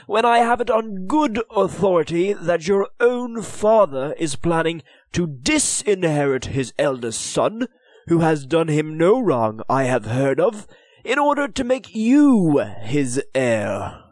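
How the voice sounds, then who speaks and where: A man voicing a haughty, contemptuous English Lord Deputy who speaks briskly and scornfully. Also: a little high, big pitch swings, no room sound, pitched above the performer's own voice.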